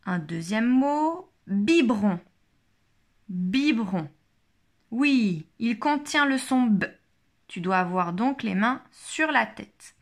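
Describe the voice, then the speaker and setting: A woman leads a child through a phonics lesson with slow, deliberate speech. She says each word twice, clearly shaping every sound. Her voice sits fairly high. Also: lively intonation. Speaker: teacher.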